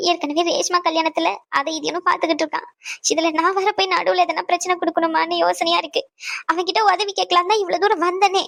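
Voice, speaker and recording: A woman's voice: extremely high pitch, vocal fry, a bit bright, no echo, exaggerated voice. A woman voicing an upset young married granddaughter in a cartoon, talking in a hurt, pleading way. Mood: worried. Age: young adult. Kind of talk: cartoon voice acting.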